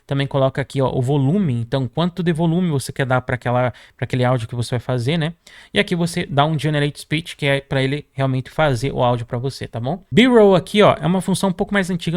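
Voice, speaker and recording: A Brazilian man walking viewers through a software tutorial, constantly checking in with "tá?" as he clicks through features. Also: on the high side, clean tone, no room sound, studio quality. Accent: Brazilian Portuguese. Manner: brisk, peppers sentences with "tá?" and "ó". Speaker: tutorial host. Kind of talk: screen-recorded software tutorial.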